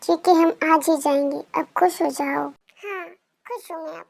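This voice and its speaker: A woman reading a storybook, voicing a stubborn young husband who pleads loudly. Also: very high-pitched, steady tone, moderate pace, gravelly. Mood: teasing. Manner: loud, whiny pleading. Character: playful, stubborn young man, loud husband.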